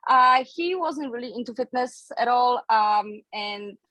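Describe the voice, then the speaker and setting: A Polish woman in her thirties, a fitness coach with a Polish accent, tells her story as a podcast guest, chatty and candid and laughing between phrases. Her voice is on the high side, unhurried and sharp, with no echo in the recording.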